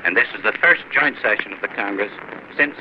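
A man's voice: on the low side, fairly quick. A man reporting live in a polite, formal 1940s radio style, heard as an old archival broadcast. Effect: old archival radio broadcast sound. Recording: dull noisy 1940s radio recording.

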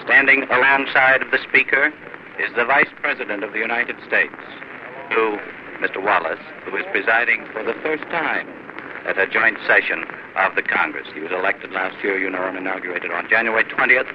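A man's voice: lowish voice, moderate pace. A man reporting live in a polite, formal 1940s radio style, heard as an old archival broadcast. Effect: old archival radio broadcast sound. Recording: dull noisy 1940s radio recording.

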